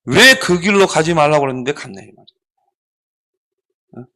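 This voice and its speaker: A man's voice: a little high, lively intonation, brisk, sharp tone, slight background noise, voice pushed down. A man playing a stern Confucian passer-by who scolds with reproachful questions, in a sermon story. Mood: scolding.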